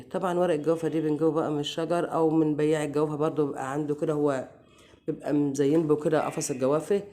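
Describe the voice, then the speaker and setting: An Egyptian woman, hoarse from a cold, hosting a casual home remedy tutorial and chatting affectionately to her viewers. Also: sits low. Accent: Egyptian Arabic. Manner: warm, chatty, addresses viewers as dear sisters. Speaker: home cooking channel host.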